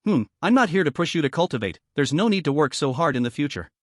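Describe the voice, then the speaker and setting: A man reading the lines of an aloof young immortal cultivator, speaking calmly and indifferently. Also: a little high, fast, dry recording, studio quality. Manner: calm, indifferent commanding tone.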